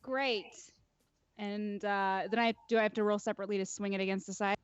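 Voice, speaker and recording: A woman's voice: medium pitch, level tone, a little fast, clear, resonant tone, no room sound, dull audio. A woman in a casual tabletop game session, upbeat and enthusiastic. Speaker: player.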